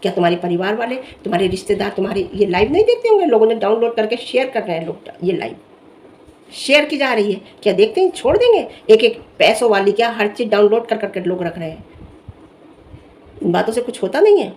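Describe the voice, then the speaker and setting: Animated scolding woman vlogger. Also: medium pitch, quick pace, slight background noise. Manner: scolding, emphatic, animated rant. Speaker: vlogger reviewing social media drama. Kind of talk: direct-to-camera commentary.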